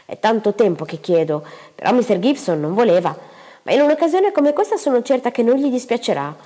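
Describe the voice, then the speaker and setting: A woman's voice: fairly high pitch, expressive, a little fast, warm tone, pitched above the performer's own voice. A woman voicing a vain, self-pitying middle-aged mother with an affected, plaintive manner. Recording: long reverberant room.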